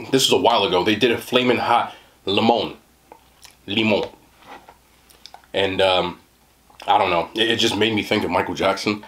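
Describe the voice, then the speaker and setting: A man's voice: on the low side, slight background noise. Slangy man chatting through a mukbang. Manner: slangy, joking, talks while chewing. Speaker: food reviewer. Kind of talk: mukbang eating chat.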